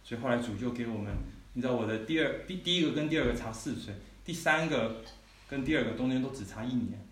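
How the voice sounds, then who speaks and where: A man with an expressive mid-range voice preaches quickly, recounting his testimony as a conversational story. He frequently turns to his listeners with "you know" asides. The sermon was recorded at a distance in an echoey hall, with faint background noise.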